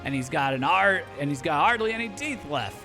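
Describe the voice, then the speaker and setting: A gruff, harried cook growls through rough pirate dialect in this game scene, as a man puts him on. He drops his words and sounds a touch high. Faint music plays underneath. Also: lively intonation, a little fast. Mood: earnest. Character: gruff male pirate-talking cook, busy.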